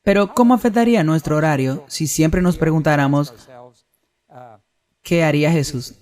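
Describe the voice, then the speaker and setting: Male pastor, sermon, fairly high voice, earnest and measured delivery. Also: darkish tone. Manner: earnest, measured delivery in short listed phrases. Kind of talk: sermon with ministry updates.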